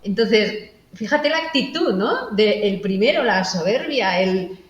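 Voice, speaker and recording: Animated woman host, echoey room. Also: medium pitch, a little slow, dull audio. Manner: animated storyteller, acts out quotes. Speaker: interview host. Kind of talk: casual conversational interview. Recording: echoey room with faint noise.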